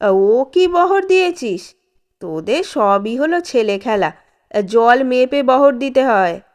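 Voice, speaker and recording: A cranky old village fisherman barks at a pack of noisy boys in a storybook tale, as a woman puts him on. His scolding is loud, gruff and stern, pitched a little high, and each word comes out slow and heavy. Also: lively intonation. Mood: scornful.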